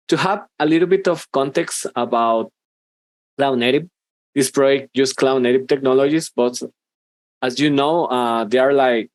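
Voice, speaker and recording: Guatemalan man in his thirties, Spanish-accented English, presenting a tech talk over a headset, dry close sound, plenty of fillers and restarts, mid-pitched voice. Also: no room sound. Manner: informal, hesitant, many fillers and restarts. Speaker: university professor and conference speaker. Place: small room indoors, video call.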